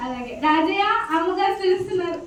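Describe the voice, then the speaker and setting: A woman's voice: very high-pitched, animated, fast talker, slight background noise. A woman voicing a grumbling middle-aged housemaid who complains about her mistress but obeys. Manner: loud, mutters complaints, then obliging. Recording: roomy, dull and distant from the mic.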